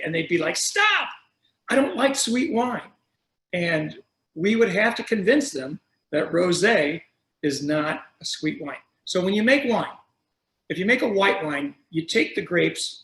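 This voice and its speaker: A man's voice: fairly high pitch, fairly bright tone, roomy sound, rough recording. A middle-aged man who runs a wine shop, hosting a video-call tasting in a casual, chatty way, telling stories and correcting himself as he goes. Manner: chatty, storytelling, self-correcting. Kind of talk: casual explanatory talk.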